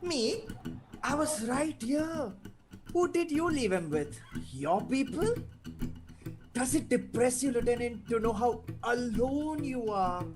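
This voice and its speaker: A woman's voice: on the high side, big pitch swings, slow pace. A woman playing a gleeful, taunting male criminal madman in a script read, drawling theatrically. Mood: mocking. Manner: theatrical, drawling, breaking into cackles. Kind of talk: table read of a film script. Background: live guitar music.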